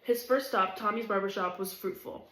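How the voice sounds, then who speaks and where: A woman reading a novel aloud, steady and even. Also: mid-range voice, normal speed. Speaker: reader. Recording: roomy echo.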